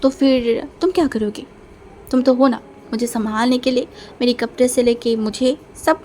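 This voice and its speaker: A woman's voice: fairly high pitch, fairly even intonation, moderate pace, dark tone, slight background noise, lightly acted. A woman reading a hot-tempered young husband. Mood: indignant. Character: fiery, quick-tempered young male spouse.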